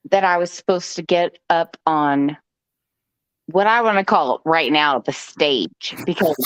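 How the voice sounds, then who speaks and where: A woman with a low voice hosts a live stream, telling a personal story in a chatty, joking way and dropping frequent "okay" asides. The stream audio is dull and lo-fi, with no room sound.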